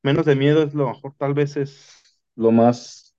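A man's voice: medium pitch, steady tone, unhurried, warm tone. A man with a Mexican Spanish accent, rambling through paranormal stories in casual chat and restarting his sentences often. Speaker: podcast guest telling paranormal stories. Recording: dull lo-fi sound.

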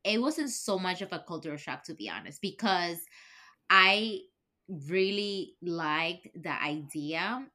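A young woman from Ecuador hosting a relaxed podcast interview. Her voice is bright and crisp yet sits a little low. She keeps the talk flowing with small affirmations and tags like "right?". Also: takes it slowly. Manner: affirming, many "right?" and "mm-hmm". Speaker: podcast host. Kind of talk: casual interview chat.

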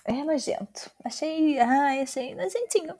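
Woman, Brazilian accent, podcast host, storytelling with asides, high voice, dramatic. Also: a little slow. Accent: Brazilian Portuguese. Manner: expressive, dramatic reactions. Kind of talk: storytelling with commentary.

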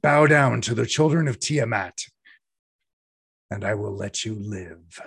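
A man's voice: on the low side, unhurried, creaky, husky, heavily acted. A man voicing an arrogant, menacing male dragon in a pompous, threatening dragon voice for a tabletop game. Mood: imperious, threatening. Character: arrogant, menacing medium-sized male dragon, fanatical and commanding.

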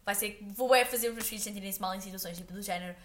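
Very fast-talking young Portuguese woman. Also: medium pitch, roomy sound, background noise. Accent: European Portuguese. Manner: rapid, rambling anecdotes with many fillers. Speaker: podcast co-host. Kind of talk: casual chat.

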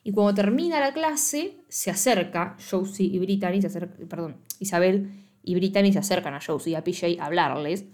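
A woman with an Argentine Spanish accent talks through a film plot in casual podcast chat. She is slangy and animated, and she slips into little voices whenever she quotes the characters. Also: lowish voice, a little fast. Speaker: podcast co-host.

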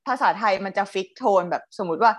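A woman's voice: mid-range voice, fast talker. A woman co-hosting a casual chat, explaining things in a thoughtful, easy way. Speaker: co-host.

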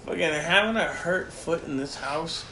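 A man's voice: fairly high pitch, moderate pace, sharp tone, slight background noise. Rambling, profane man in an echoey room. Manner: profane, rambling, laughs often. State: nursing a broken foot. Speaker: podcast co-host. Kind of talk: casual chat. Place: home room with a dog nearby.

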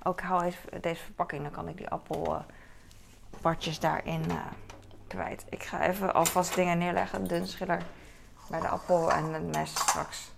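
Woman, 30s, casual chore vlogger, rambling and chatty, low-ish with some gravel, faint hiss behind. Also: normal speed. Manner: chatty and rambling, animated when telling stories. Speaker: vlogger and mother. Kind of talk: casual chatty vlog while doing household chores.

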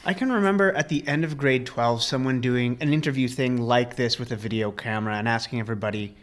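A man's voice: medium pitch, fast. A man in his early thirties, an interview guest, casually recalling his past in a garage. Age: early 30s. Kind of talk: casual personal recollection. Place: recorded in a friend's garage during a barbecue.

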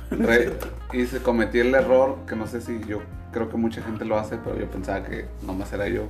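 Slangy Mexican man over background music. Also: fairly low pitch. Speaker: conversation leader. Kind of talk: casual chat, recounting anecdotes.

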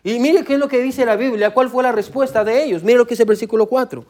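A man's voice: very high voice, fast talker, a little mellow. A man preaching a sermon as pastor, fervently calling out to his listeners and repeating "amen" and "listen". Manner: fervent, keeps calling out "amén" and "escuche" to the listeners.

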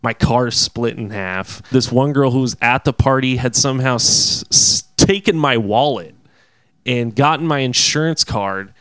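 A young man telling a wild story in a casual, profane, animated way, often laughing between phrases. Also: medium pitch, moderate pace, clean tone, no echo.

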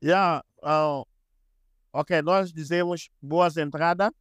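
A man chatting as a podcast guest, explaining things deliberately and repeating phrases. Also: fairly high pitch, steady tone, dry recording. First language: Portuguese. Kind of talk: casual explanatory chat.

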